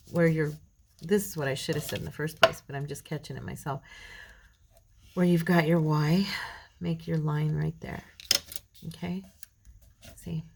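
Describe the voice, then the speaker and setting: A tired, middle-aged woman with a deep, gravelly voice hosts a casual craft tutorial, chatting and rambling to viewers while working and muttering softly to herself. Background noise is present.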